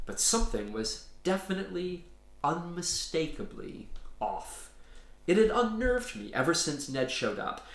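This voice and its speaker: A man with a slightly bright, mid-range voice casually introduces and then animatedly reads a children's story he wrote. The recording has a roomy, echoing quality.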